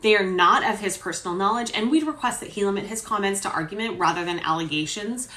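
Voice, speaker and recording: A woman's voice: mid-range voice, quick pace, sharp tone, lightly acted. A woman voicing a female former counsel making a stiff, formal objection, as a dramatic reading of a court transcript. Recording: roomy echo.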